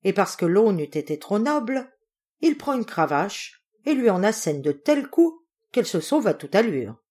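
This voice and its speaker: Lively woman reading a fairy tale. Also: mid-range voice, normal speed, husky. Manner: expressive, lilting read-aloud. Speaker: storyteller. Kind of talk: fairy tale read aloud.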